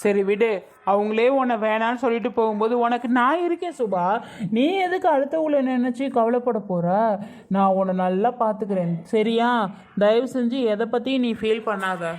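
A woman's voice: on the high side, expressive, moderate pace, a little mellow, natural voice. Woman playing a torn young husband. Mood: consoling. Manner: pleading, then resigned and firm. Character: young husband torn between wife and sister. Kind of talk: family drama skit.

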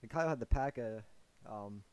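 A man's voice: medium pitch, a little fast, a little mellow, clean tone. A young man rambling through a storytime vlog, with many fillers and restarts. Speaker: vlogger.

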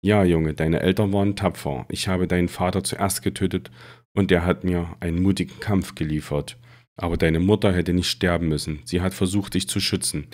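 A man reading the lines of a cold, menacing disembodied dark wizard in slow, hissing tones. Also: low voice, fairly even intonation, close to an everyday voice.

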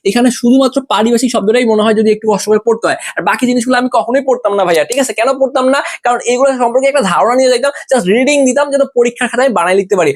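A young man teaches exam tactics at breakneck speed. His voice sits very high, and he keeps circling back to repeat the key numbers for his students. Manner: rapid, repetitive, addresses students as brother. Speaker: exam tutor. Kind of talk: fast exam-prep lesson.

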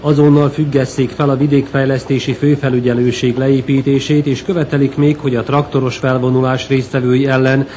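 A man reading a news report in a formal, even voice-over. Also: medium pitch, few pauses, slight background noise. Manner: even, formal read delivery. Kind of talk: scripted news narration.

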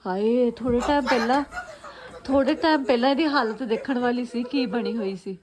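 A woman with a high voice and an Indian Punjabi accent talks casually, as in a family vlog. She is playful and doting, slipping into coaxing baby talk and repeating her phrases. The home recording has some background noise and clicks. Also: normal speed. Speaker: family vlogger, mother. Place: at home, indoors.

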